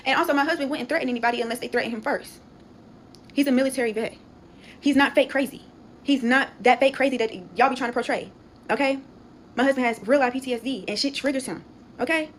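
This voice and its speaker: Fast-talking young woman telling a story. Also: a little high, a little hiss or hum, rough recording. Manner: chatty, keeps asking "you get what I'm saying?". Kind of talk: casual storytime vlog.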